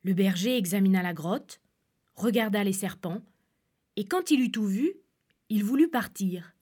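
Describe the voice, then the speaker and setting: A woman calmly reading a fairy tale aloud as storyteller. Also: medium pitch, measured pace, slightly rough.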